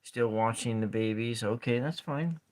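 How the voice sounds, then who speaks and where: During a soft-spoken ASMR art livestream, a man with a calm voice quietly chats with viewers while drawing and coloring tarot cards. He speaks at normal speed in a low-key way, trailing off and restarting as he works.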